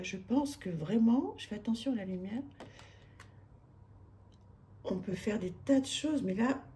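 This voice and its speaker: Femme à l'français, voix mate et éraillée, parle en hésitant, léger bruit de fond. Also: female voice, mid-range voice, creaky, warm tone, a little hiss or hum. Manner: hesitant, many fillers and restarts, enthusiastic. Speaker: tarot reader presenting her decks. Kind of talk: casual chat to camera. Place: home room with street noise outside.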